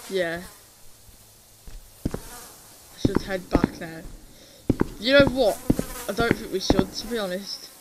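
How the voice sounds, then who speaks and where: A scared horror game streamer talks through play in a casual, uneasy mutter. The delivery is slow and sits at a medium pitch, with loud buzzing and clicking game noise over the voice. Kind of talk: casual gameplay commentary.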